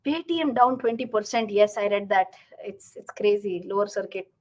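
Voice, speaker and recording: A woman's voice: medium pitch, normal speed. A woman with an Indian accent chats casually as a live stream host, reading out and answering viewer comments and slipping Hindi phrases into English.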